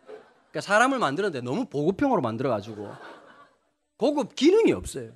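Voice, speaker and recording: A man's voice: a little high, huge pitch swings, fairly quick, breathy edge. A male pastor giving a sermon, who tells humorous anecdotes and addresses the congregation directly.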